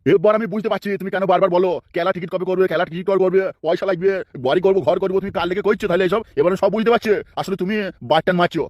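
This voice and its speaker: Give me a stubborn, suspicious cartoon husband played by a man, quick and highish. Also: fairly even intonation, darkish tone, no room sound, muffled recording, lightly acted. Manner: nagging, suspicious. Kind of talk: comic cartoon dubbing.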